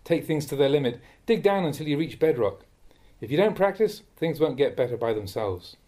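A man, a monk, reading a Dhamma talk aloud in a measured, admonishing way that rises sharply when he scolds. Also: a little high, lively intonation, dark tone. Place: monastery.

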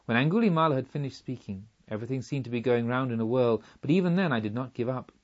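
A man narrating an audiobook in a measured, somber storytelling manner. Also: mid-range voice, animated, dull audio. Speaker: audiobook reader.

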